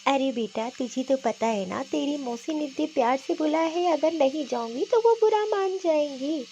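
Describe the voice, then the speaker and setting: A woman's voice: sits high, expressive, moderate pace, dark tone, slight background noise. A woman voicing a fussy, doting older mother-in-law who talks in a soothing, reassuring way to her daughter in a cartoon. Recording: dull lo-fi recording.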